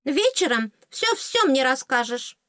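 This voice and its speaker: A woman voicing a small, cheeky female tooth fairy with a squeaky, teasing, excitable voice in an audiobook. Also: a little slow, no echo, clean studio sound, exaggerated voice. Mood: bossy. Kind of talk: audiobook character voice.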